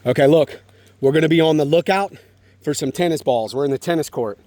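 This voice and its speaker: A man encourages his young child during a rainy outing at the park, speaking casually in simple phrases and checking in frequently. His voice is fairly high, brisk and mellow, with no room sound. The clip is noisy outdoor home-video audio.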